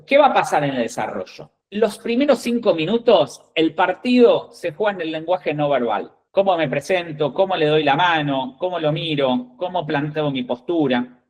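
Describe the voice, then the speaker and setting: Hombre argentino dando consejos firmes. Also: male voice, fairly high pitch, rough recording. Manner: direct, emphatic, checks in with "¿bien?" and "¿ok?". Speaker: executive recruiter. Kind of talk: instructive talk to job candidates.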